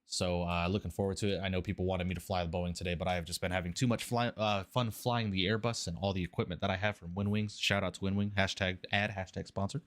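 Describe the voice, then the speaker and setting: A low, fairly flat voice rattles along quickly with hardly any pauses as a man streams a flight sim over a headset mic, music playing in the background. Mildly flu-ridden, he sounds a bit nasal and congested, though he's upbeat as he reads out chat names and runs through cockpit setup.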